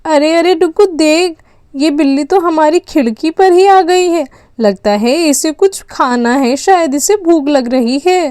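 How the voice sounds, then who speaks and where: A woman voicing a softhearted young girl who bosses her little brother in a doll story, talking in a pleading way. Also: high-pitched, a little slow, dry recording, studio quality. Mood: bossy. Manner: pleading, bossy big-sister talk. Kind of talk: doll story role-play.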